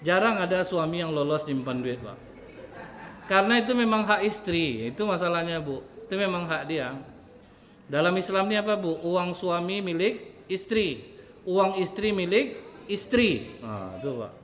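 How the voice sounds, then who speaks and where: A man's voice: sits high, expressive, normal speed, fairly bright tone. A man, a preacher giving a storytelling sermon in a humorous, conversational way, often turning to address the audience. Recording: hall reverb, faint background ambience.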